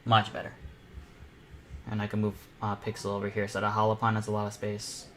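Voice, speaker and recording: With a completely flat delivery, a teen or young adult man hosts an online art panel, chatting casually and thinking aloud as he draws. His fairly low voice has a fairly bright tone and runs a little fast, over clear room ambience and background noise.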